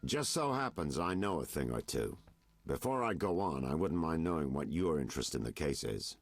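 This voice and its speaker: An actor playing a world-weary private detective in a video game, with a theatrical, insinuating noir delivery. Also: male voice, extremely low pitch, sing-song, normal speed, no room sound, soft background music, exaggerated voice. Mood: guarded, knowing. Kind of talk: video game dialogue acting.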